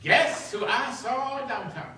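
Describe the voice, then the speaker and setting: A man's voice: very high-pitched, expressive, slow pace, pushed and bright, heavily acted. A man playing a cheerful, chatty handyman who is out of breath, in a community theater play. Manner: folksy and talkative. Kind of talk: community stage play acting. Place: theater stage in a hall. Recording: echoey hall, miked from far off.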